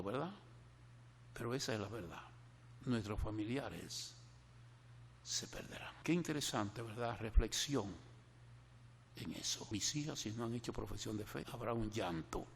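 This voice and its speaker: Gravelly older male preacher, echoing hall. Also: medium pitch, slight background noise. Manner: earnest, repeats key phrases for emphasis. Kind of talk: sermon meditation with personal story.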